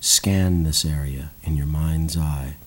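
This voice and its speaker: Deep calm man guiding relaxation. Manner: slow, calm, soothing instructions. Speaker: meditation guide. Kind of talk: guided relaxation narration.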